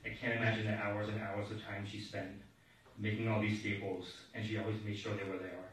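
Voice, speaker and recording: Low-voiced man reading a eulogy. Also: flat delivery, fairly quick. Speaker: grandson giving a eulogy. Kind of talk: read eulogy. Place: large echoey hall at a memorial service. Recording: echoey hall, voice from far off, faint noise.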